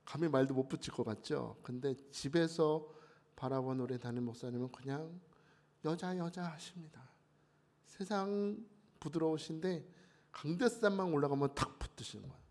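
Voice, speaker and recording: A man preaching a sermon at a dawn prayer meeting, emphatic, with sudden louder rises. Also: fairly high pitch, moderate pace.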